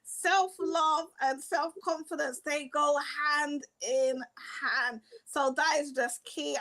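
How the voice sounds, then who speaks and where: A woman's voice: high-pitched, fairly bright tone, poor audio. A woman hosting an online panel chat, enthusiastic and gushing as she introduces guests. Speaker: host.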